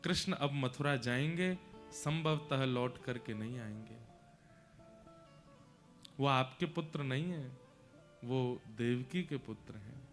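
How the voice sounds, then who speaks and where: A man's voice: fairly high pitch, a little slow, sharp tone, soft background music. A man doing a grave, reluctant messenger. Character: hesitant male royal messenger, grave and respectful.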